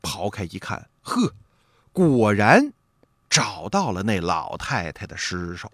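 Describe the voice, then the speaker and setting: A man telling a traditional folk tale in a lively, animated storytelling manner with drawn-out interjections. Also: lowish voice, dry recording, studio quality.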